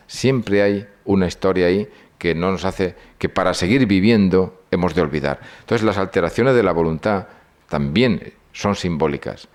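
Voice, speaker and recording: A man from giving an informal lecture, telling anecdotes and acting out dialogue. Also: deep voice. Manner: animated storytelling, acts out dialogue.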